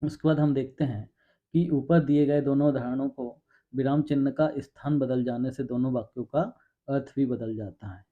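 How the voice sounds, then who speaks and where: A man's voice: medium pitch, steady tone, moderate pace. A man teaching a Hindi grammar coaching class, explaining step by step and reading out examples. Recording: dull lo-fi sound.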